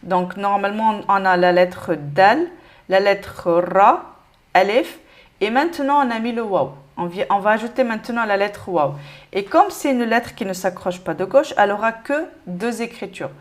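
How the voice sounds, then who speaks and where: Une femme qui donne un cours de lecture avec patience, en répétant lentement chaque mot. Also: female voice, medium pitch, lively intonation. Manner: patient, repeats each word slowly. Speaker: Arabic reading teacher. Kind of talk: step-by-step lesson.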